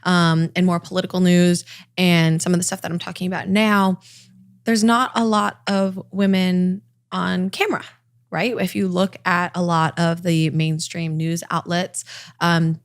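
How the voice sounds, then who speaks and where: Casual Californian woman, light vocal fry, lowish pitch, chatty podcast guest. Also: level tone, measured pace. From Los Angeles. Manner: casual, chatty, many fillers. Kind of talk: casual chat.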